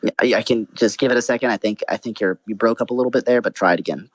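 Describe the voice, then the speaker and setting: A man's voice: fairly low pitch, racing, no echo. A young man in a casual philosophical debate over voice chat, thinking aloud with frequent restarts, fillers and hedging.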